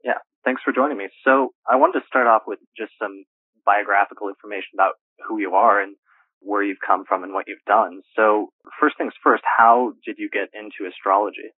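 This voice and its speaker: A man hosting a radio interview, introducing his guest in a measured, formal way, heard on an old archived recording. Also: on the low side, steady tone, husky, dry recording. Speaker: radio show host. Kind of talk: scripted show introduction and interview questions. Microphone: played back from archive audio. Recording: tinny phone-like old recording.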